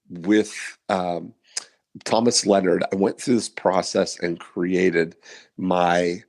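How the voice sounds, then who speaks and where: Slow, low-voiced man in his fifties. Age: 50s. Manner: reflective, rambling with many fillers. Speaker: podcast host. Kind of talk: casual interview chat.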